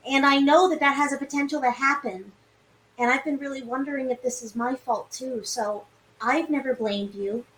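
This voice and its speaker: Woman playing a high-voiced, tentative little spellcaster. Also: fairly even intonation, normal speed, fairly bright tone, poor audio. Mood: earnest, guilty. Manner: earnest, tentative. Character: humble, kind, anxious young spellcasting adventurer. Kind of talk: tabletop role-play acting.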